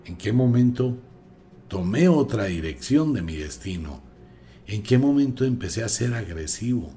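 A man giving an emphatic, preachy radio talk as host, moving between loud and hushed delivery. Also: fairly low pitch. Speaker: radio host, magic teacher.

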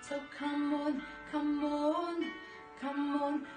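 A woman's voice: high-pitched, flat delivery, far from the mic. A woman in her twenties from Croatia with a Croatian accent, introducing herself in careful English and then singing solo. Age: 20s. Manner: slow, careful non-native English. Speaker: contestant singer. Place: small room indoors. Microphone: phone camera a few steps away. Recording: echoey room with backing music.

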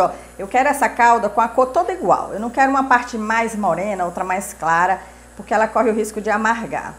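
A woman in her forties hosting a cooking show in a home kitchen, teaching step by step in a patient, repetitive way. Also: a little high.

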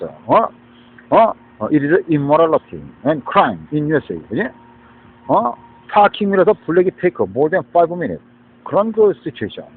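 A man's voice: fairly high pitch, slightly rough. A man giving a rambling monologue, mixing in English words and often tossing in "huh?" and "right?". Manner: mixes English words into speech, keeps asking "huh?" and "right?". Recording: tinny phone-like sound.

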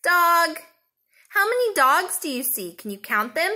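High, animated woman teaching a toddler. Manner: simple, slow, sing-song talk as to a toddler, with questions and pauses. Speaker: preschool teacher. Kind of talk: children's counting lesson, as if to a toddler.

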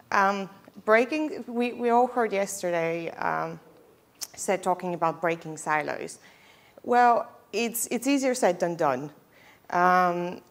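A young woman from Bulgaria giving a conference talk on a headset mic in a lecture hall, chatty and casual, with frequent ums and self-deprecating asides. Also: medium pitch. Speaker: conference speaker. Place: lecture hall with projector screen.

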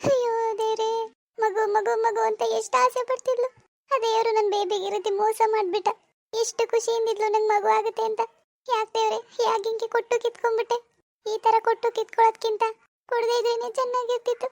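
A woman's voice: extremely high pitch, rapid-fire, no echo. A woman voicing a grieving, defensive mother-in-law in a cartoon. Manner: wailing laments, then stern rebukes. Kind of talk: animated cartoon voice acting.

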